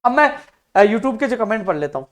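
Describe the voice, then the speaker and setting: A man's voice: high-pitched, sing-song, a little fast. Fervent man firing rhetorical questions. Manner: fervent, rhetorical questions, swings between soft and loud. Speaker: youth activist addressing job aspirants. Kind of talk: impassioned advocacy video.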